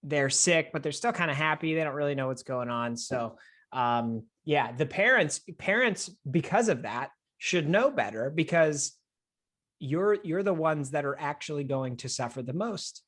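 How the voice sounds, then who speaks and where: A man's voice: on the high side, animated, moderate pace, a bit bright. A young man co-hosting a podcast in a casual, conversational style. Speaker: podcast co-host.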